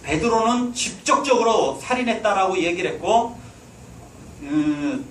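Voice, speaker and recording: A man's voice: sits high, animated, unhurried, a bit bright, slight background noise. A man preaching a sermon in a church, urging his listeners on and putting rhetorical questions to them. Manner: exhorting, asks the hall rhetorical questions. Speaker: pastor. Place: church sanctuary. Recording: echoey hall, mic at a distance.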